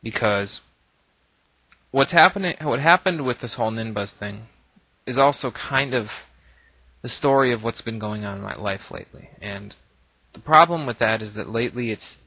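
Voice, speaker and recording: In an unscripted, casual monologue, a Let's Play YouTuber speaks at a moderate pace with an expressive, mid-range voice. He sounds earnest and reflective, slightly nasal as though catching a cold, and the audio is lo-fi and dull, echoing in a boxy room.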